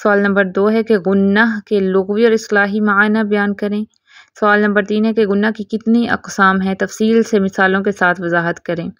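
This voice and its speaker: A woman teaching Quran recitation in a recorded audio lesson, explaining patiently and reciting examples slowly. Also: medium pitch, little pitch movement, dry recording, dull audio.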